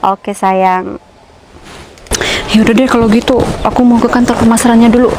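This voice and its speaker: A woman's voice: a little high, steady tone, normal speed, background noise, natural voice. An actress playing a pushy young woman who chats to herself and presses her boyfriend on the phone to keep his promise to pay. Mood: demanding. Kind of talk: short film acting.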